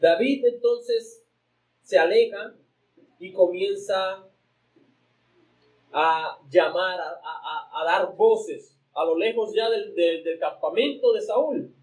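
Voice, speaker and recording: Pastor, male, high voice, emphatic sermon delivery with big pitch swings, repeats words mid-phrase. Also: slow pace, rough recording. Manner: preaching with emphatic pitch swings, reading scripture aloud; repeats words while searching for the next phrase.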